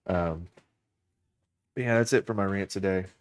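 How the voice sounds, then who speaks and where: A man with a very low, deep voice talks casually to his viewers while he draws. He rambles, restarts his sentences and fills pauses with "um". It sounds like a desk microphone at his computer. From United States. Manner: relaxed, rambling, many fillers and restarts. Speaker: artist live streaming a drawing session.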